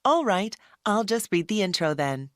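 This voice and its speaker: A woman's voice: mid-range voice, very animated, moderate pace, dry recording, clean studio sound, natural voice. A young woman playing a polite, earnest university student in a stilted, scripted textbook dialogue. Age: young adult.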